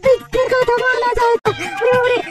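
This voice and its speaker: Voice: very high-pitched, monotone, normal speed. An actor voicing a whiny, cowardly, boastful ghost in a cartoon, with exaggerated delivery. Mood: pleading. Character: boastful tree-dwelling ghost turned pleading, cowardly captive. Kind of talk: cartoon voice acting. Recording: loud music under the voice.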